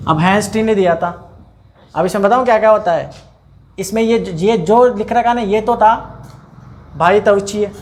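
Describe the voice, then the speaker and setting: A man's voice: high voice, normal speed, pauses often, a little hiss or hum. A man teaching a classroom biology lesson, repeating key terms and telling students to look and write along. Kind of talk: classroom biology lecture, dictating notes.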